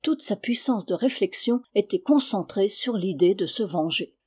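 A woman reads a novel aloud in a calm, measured way. Her voice is warm and mellow, with middling pitch. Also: slightly rough. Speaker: audiobook reader. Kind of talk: scripted narration of a novel.

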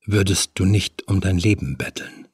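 A seductive demon with a hook for a hand, his body swarming with bees, murmurs in a deep, husky near-whisper, as a male narrator puts him on. He draws every word out slowly and menacingly. The audiobook recording is dry and close. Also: no echo. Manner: low murmuring, sinking to a hushed whisper.

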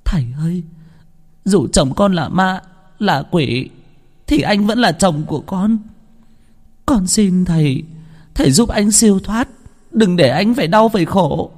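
Man putting on a high pleading young widow. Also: animated, normal speed, vocal fry, mellow. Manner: pleading, stammering, tearful. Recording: long reverb.

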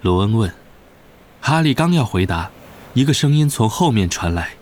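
Low-voiced male audiobook narrator. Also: big pitch swings, moderate pace, darkish tone. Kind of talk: scripted narration.

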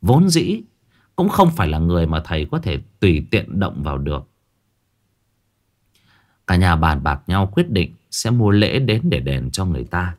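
A man narrating a ghost story in an expressive, dramatic storytelling manner. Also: low-pitched. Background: faint background music.

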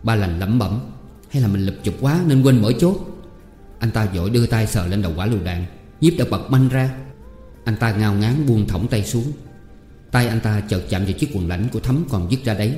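Man narrating a story in a roomy reverb. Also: fairly low pitch. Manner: steady, measured storytelling. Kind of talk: audiobook narration. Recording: roomy reverb with faint music.

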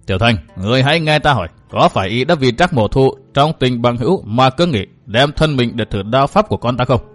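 A man voicing a stubborn, boastful old martial-arts master who talks loud and blunt. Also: medium pitch, fast, soft background music, lightly acted. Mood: coaxing. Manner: loud, gruff and brusque.

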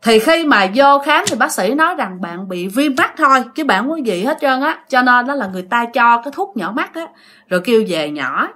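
A woman with a Southern Vietnamese accent tells a ghost story. She talks to her listeners in a chatty, direct way. Her voice is high and bright, and it rises and falls a lot. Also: very animated, brisk.

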